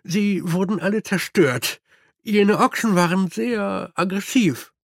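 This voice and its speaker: A man reading an audiobook aloud as narrator, in a measured storytelling manner. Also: high-pitched, vocal fry, no room sound, clean studio sound. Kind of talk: scripted narration.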